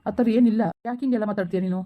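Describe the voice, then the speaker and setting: A woman's voice: a little high, very fast, phone-quality sound, lightly acted. A woman playing a village husband in a rural skit who coaxes and reassures his wife. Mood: coaxing. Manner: coaxing, reassuring. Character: village husband, dismissive then soothing.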